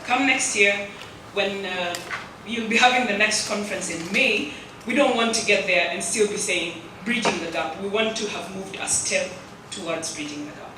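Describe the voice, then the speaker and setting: Kenyan delegate, formal diplomatic remarks, mid pitch, heard from afar in a reverberant room. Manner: measured and diplomatic. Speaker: government delegate. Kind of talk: formal address. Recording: echoey hall, distant mic, noise.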